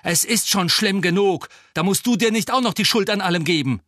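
A man voices a teenage boy hero in a storybook, irritable and bitter. He talks curtly and sharply. The pitch sits somewhat above the reader's own. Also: unhurried, dry recording, studio quality, close to an everyday voice. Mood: exploding. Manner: curt, irritable.

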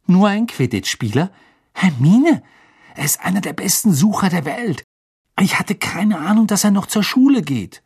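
A man doing an excitable teenage boy. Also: medium pitch, moderate pace, slightly rough, dry recording, clean studio sound, heavily acted. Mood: starstruck. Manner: breathless, excited exclamations. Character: excitable teenage boy, eager sports fan.

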